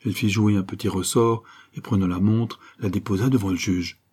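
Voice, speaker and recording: A man reading a novel aloud in steady, scripted narration. His voice is low and dark, with a husky grain. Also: brisk. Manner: steady storytelling. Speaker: audiobook reader.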